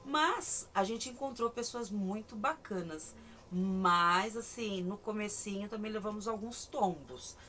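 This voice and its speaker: Brazilian lady, middle aged, chatty storyteller, laughs a lot, normal pitch. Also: a little slow, pushed and bright, slight background noise. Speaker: horse breeder, host. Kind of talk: casual conversation.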